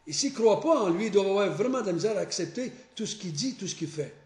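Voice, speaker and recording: A man leading a Bible study. He prays, reads scripture aloud and explains it earnestly, pausing often and restarting his phrases. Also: sits high, lively intonation. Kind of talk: Bible study teaching with prayer and scripture reading. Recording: echoey room.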